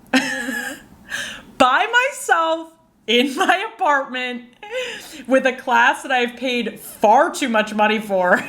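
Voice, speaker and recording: A woman in her twenties hosting a casual solo podcast. She tells stories in an animated, exasperated way and laughs often. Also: fairly high pitch. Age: 20s. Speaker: podcast host.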